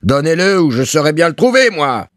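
A man voicing a gruff, coarse male landlord who roars his demands for rent. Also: mid-range voice, lively intonation, slow, dry recording, clean studio sound, pitched above the performer's own voice. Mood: bullying. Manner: roaring, demanding.

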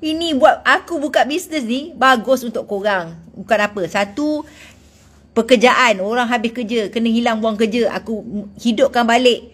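A woman from Malaysia with a Malaysian Malay accent, scolding her online critics in a blunt, animated casual rant. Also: on the high side, moderate pace. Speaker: celebrity vlogger.

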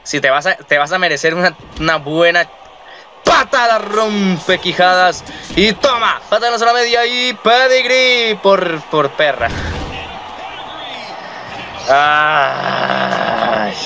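Comentarista joven, exaltado y malhablado, voz un poco alta. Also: male voice, high voice, slow, vocal fry, noisy background. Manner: excitable, profane, yelling at the game. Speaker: gameplay commentator. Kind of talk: casual gameplay commentary. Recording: lo-fi muffled recording.

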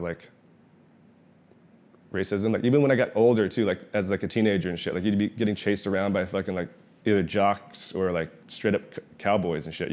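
In his own restaurant, a professional skater from Oklahoma City, USA, recounts his skating story in a loose, relaxed interview, peppered with "like" and curse words. He's a middle-aged man who first spoke Vietnamese, and his voice sits low and a little mellow, with slight background noise.

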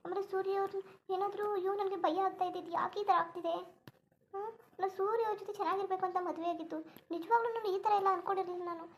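A woman voicing a fretful, tearful young wife who worries aloud in soft, anxious self-talk for a cartoon. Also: very high-pitched, fairly even intonation, fast, muffled recording, slight background noise. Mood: worried. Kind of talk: cartoon voice acting.

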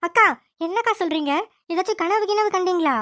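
A woman doing a reassuring young woman from a cartoon. She talks fast and soothingly in a very high voice. The sound is close and dry. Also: a bit bright, dry recording, faint music behind. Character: calm reassuring young woman, caring sister-in-law. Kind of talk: cartoon voice acting.

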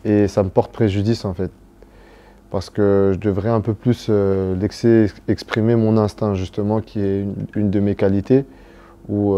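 A man's voice: fairly low pitch, mellow. A young man from Cameroon, raised in Belgium, answering interview questions in a hesitant way, with many fillers and restarts. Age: young adult. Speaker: footballer being interviewed.

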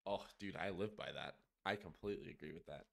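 A man chatting casually on a podcast, excitable and slangy, quick to gasp and laugh. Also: low-pitched, creaky. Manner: slangy, laid-back. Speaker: podcast co-host. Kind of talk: casual chat.

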